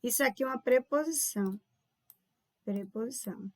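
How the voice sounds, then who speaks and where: A woman's voice: on the high side, moderate pace, darkish tone, no echo, clean studio sound. A woman teacher with a Brazilian Portuguese accent explains grammar exam questions, often checking in with her viewers as she goes. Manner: explanatory, keeps checking in with "tá vendo?" and calls viewers "povo lindo". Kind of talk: online grammar lesson solving exam questions.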